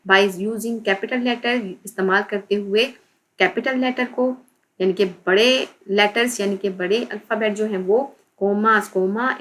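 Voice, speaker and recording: A woman teacher, explaining a textbook lesson in Urdu, reading English slowly and spelling out words letter by letter. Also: medium pitch, a bit bright, low-quality recording.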